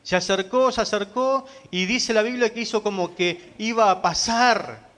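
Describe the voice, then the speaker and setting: A man's voice: high voice, moderate pace, fairly bright tone. A man pastor preaching a sermon, emphatic, asking the congregation rhetorical questions.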